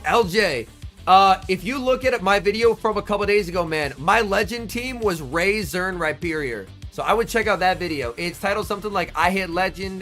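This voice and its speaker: A young man, a bit under the weather, giving chatty, excitable live-stream commentary at a tournament watch party and answering his chat by name. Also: high voice.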